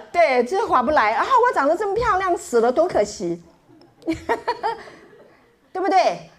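High-voiced playful woman pastor. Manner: playful, joking, animated storytelling. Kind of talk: sermon.

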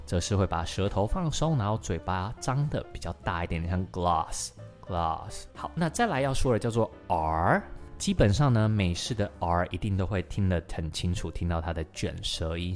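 A young man teaches an English-learning podcast lesson. He talks in a chatty, lively way, full of sentence-final particles, and says English words slowly and repeats them. Faint music plays under his voice. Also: low-pitched. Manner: models English pronunciation slowly and in repetition.

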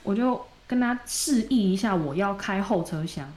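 A woman with a mid-pitched voice, telling a story in a casual podcast chat. She retells it with animation and acts out the lines of the people in it. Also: animated, moderate pace, a little mellow. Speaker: podcast co-host.

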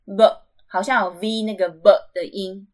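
A woman hosting a casual language lesson podcast, patiently repeating each sound slowly and clearly. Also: medium pitch, fairly even intonation. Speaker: podcast host.

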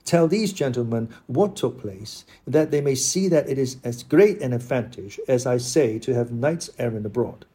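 A man's voice: medium pitch, animated, moderate pace, few pauses, dark tone, slightly rough. A man reading the part of a proud old knight who lectures in formal, archaic speech, in an audiobook. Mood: declaiming.

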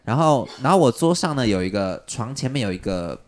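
A man casually telling a long story on a podcast, animated and jumping up in pitch when he quotes people. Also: fairly quick. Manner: animated, jumps high when quoting people.

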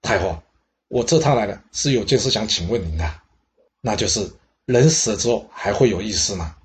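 A smooth court persuader speaks in an easy, reassuring way in a storybook telling, voiced by a man. His voice sits low. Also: expressive, fairly quick, slight background noise, natural voice. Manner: easygoing, reassuring. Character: glib, calm male courtier and persuader.

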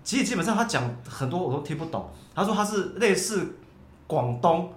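A man with a Taiwanese Mandarin accent tells stories casually, repeating bits as he goes. He talks fast in a fairly high, lively voice. The room echoes around him. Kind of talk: casual chat, telling anecdotes. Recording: roomy echo, faint background noise.

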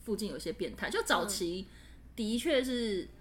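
A woman's voice: mid-range voice, expressive, normal speed, fairly bright tone, a little hiss or hum. A woman, co-hosting a podcast and candidly recounting a personal story in casual chat. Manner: candid, laughs while telling a frightening story. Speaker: podcast co-host.

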